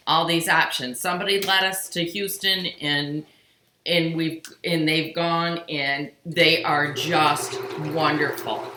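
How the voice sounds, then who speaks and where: Slow, bright-voiced, tired woman live-streaming. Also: fairly low pitch, a little hiss or hum. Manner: chatty, greets and answers viewers by name. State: tired, yawning. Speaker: quilting show host. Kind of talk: live-stream casual chat. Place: home sewing room. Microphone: computer webcam on sewing table. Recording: roomy home-room echo.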